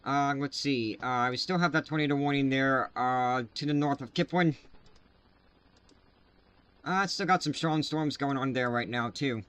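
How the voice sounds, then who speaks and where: A man runs a live severe weather stream from his desk mic. His delivery is casual and halting, full of filler sounds, at an ordinary mid pitch. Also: fairly bright tone, clean tone. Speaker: livestream weather host.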